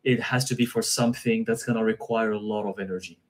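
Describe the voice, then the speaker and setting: A man talking casually in a live-stream conversation, relaxed, laughing often and repeating his phrases. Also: lowish voice, fast. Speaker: guest practitioner.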